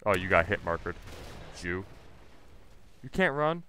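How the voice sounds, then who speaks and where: A man's voice: low voice, big pitch swings, unhurried, a bit bright, slight background noise. A man giving live gameplay commentary, ranting and swearing with irritation as he plays. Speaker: gaming channel host.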